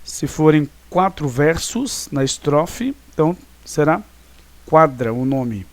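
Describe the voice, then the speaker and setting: A man's voice: fairly high pitch, expressive, slow pace, dry recording. A male teacher giving a recorded online class, explaining step by step and often checking that students follow. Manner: explanatory, with frequent checking tags.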